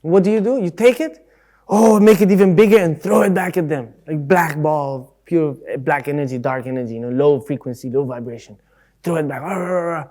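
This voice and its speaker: Male speaker, casual Dharma talk, conversational and full of everyday examples, slightly high voice. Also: brisk, warm tone. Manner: acts out voices in quotes. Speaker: speaker at a Buddhist centre.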